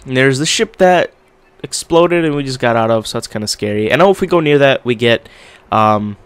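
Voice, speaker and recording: Animated and brisk, this young YouTuber's mid-range voice comes through clean with no echo as he does a relaxed let's-play. He's recovering from being sick, a little congested, and talking with a swollen lip.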